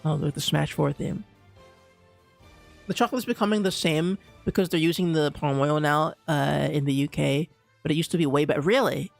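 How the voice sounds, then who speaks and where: A young man from Bermuda streaming, ranting in an animated, casual way with lots of laughter. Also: a little high, normal speed, creaky, faint music behind. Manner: animated ranting, laughs often, says "dude" a lot. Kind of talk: casual livestream chat.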